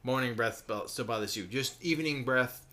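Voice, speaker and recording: A man's voice: medium pitch, normal speed, bright, forceful tone. A young man co-hosting a casual couples podcast, joking and telling rambling stories. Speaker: podcast co-host.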